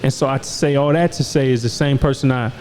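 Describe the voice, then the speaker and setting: A man's voice: mid-range voice, steady tone, fairly quick, a little mellow, a little hiss or hum, rough recording. A young man from Iowa hosting a podcast, talking in a laid-back, slangy way and often asking "you know what I'm saying". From Des Moines, Iowa. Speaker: podcast host. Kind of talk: casual conversation.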